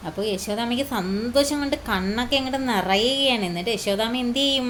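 A woman telling a devotional story in an unhurried, casual way, pausing often and asking the listeners questions. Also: fairly high pitch, a bit bright, slight background noise.

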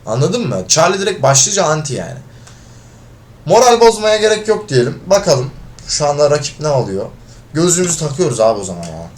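Frustrated young-sounding gamer man, lively voice. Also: a little high, fairly quick. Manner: frustrated, swearing, shouts when losing. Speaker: gaming video creator. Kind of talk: live gameplay commentary.

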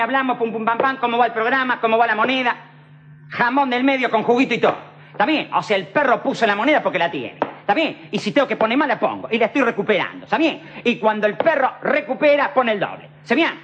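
A comic actor speaking in a very high, fairly bright tone delivers a TV sketch monologue as a cocky, streetwise Rioplatense Spanish hustler. Rambling and slangy, he swaggers along and keeps asking "all right?" to confirm he's understood. The recording is dull lo-fi 1990s TV tape with a faint hiss.

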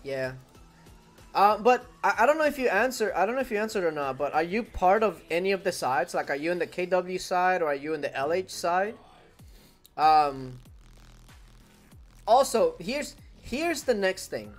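This young gaming streamer, a native Spanish speaker with a Spanish accent, chats casually with viewers from a desk in his home room during a live game stream. His voice is high with lively intonation and a moderate pace, and he often repeats phrases. Faint music plays behind him.

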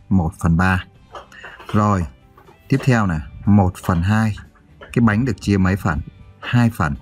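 A man's voice: sits low, darkish tone. A male teacher giving a primary school math lesson, counting aloud and asking his pupils check questions.

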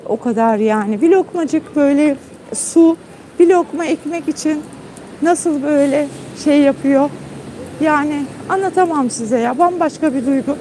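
A woman's voice: normal speed, a little hiss or hum. A woman host chatting casually to viewers on a phone live stream, tired after a long trip, outdoors at night in a garden. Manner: chatty, warm-hearted, calls her dog in high coaxing tones. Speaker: channel host.

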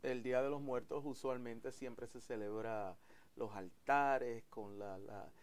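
Lively man hosting a TV interview. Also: medium pitch, takes it slowly. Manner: animated, chatty, frequent fillers. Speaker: TV show host. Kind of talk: casual interview.

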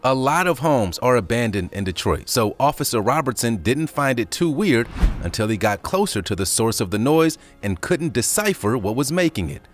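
A man reading a scripted countdown video narration in a lively storytelling manner. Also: mid-range voice, moderate pace, faint music behind.

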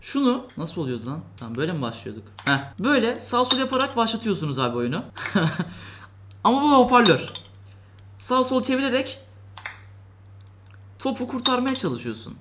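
A fast-talking man with a high-set voice reviews a gadget from his desk indoors. He chats loosely, cracks jokes and laughs often, mock-complaining along the way. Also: very animated, fairly bright tone, slight background noise. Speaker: tech reviewer. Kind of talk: casual product review vlog.

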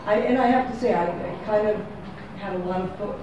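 In a brisk, medium-pitched voice, a woman photographer rambles through an unscripted gallery talk about her work, correcting herself as she goes. She's picked up from across a small, very echoey room by a far camera with no microphone, over steady background noise.

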